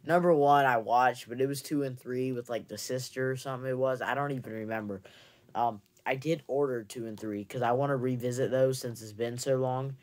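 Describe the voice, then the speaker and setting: A man's voice: mid-range voice, steady tone, a little fast, darkish tone. A young man in a casual haul video, chatting and rambling with many fillers, recorded on a camera mic in a room at home. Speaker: movie collector vlogger. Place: indoor room with shelves of movies. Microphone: camera mic, seated facing camera.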